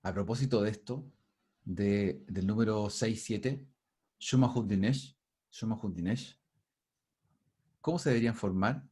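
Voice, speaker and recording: A man's voice: fairly low pitch, measured pace, long pauses, a little mellow, husky. A man teaching a linguistics class over a video call, explaining patiently and often restarting his words. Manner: explanatory, restarts and repeats words while thinking.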